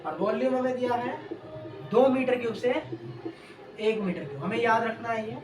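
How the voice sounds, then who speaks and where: A woman's voice: on the high side, normal speed. A woman chemistry teacher giving an exam-prep lecture, asking questions and answering them herself while repeating key terms. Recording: echoey room, distant mic, background music.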